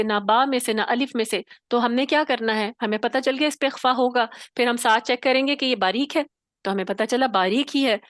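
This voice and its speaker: A fairly high-voiced woman teaches Quran recitation in an online class, explaining each point patiently and checking in often. Her voice sits close and dry on the mic, with no room sound. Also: no room sound.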